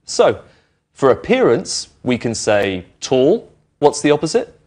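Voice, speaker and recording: Brief: male teacher, middle-aged, lively intonation, patient. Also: mid-range voice, slow. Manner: clear, patient, explanatory. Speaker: presenter of an English lesson. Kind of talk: friendly teaching explanation. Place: indoor studio with brick walls.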